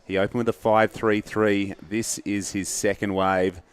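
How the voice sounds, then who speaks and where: Male booth anchor for surf contest, low-pitched, live commentary. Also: level tone, unhurried, clean tone.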